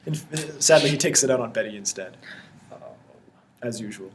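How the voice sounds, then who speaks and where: A man's voice: on the low side, expressive, a little fast, background noise. A man narrating as game master of a tabletop game, giggly and loose with lots of fillers.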